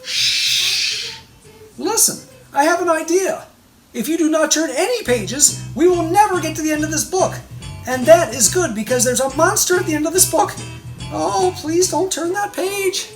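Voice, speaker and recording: A woman voices Grover, the timid furry monster, in a very high register pitched above her own voice, with lively intonation over soft background music. It's a storybook read-aloud full of frantic pleading and drawn-out begging.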